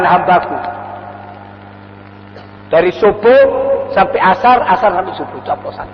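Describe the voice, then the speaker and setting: An older man preaching a dawn sermon, telling stories and acting out the voices in them. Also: high-pitched. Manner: storytelling, acts out quoted voices. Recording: lo-fi recording in a reverberant hall with faint noise.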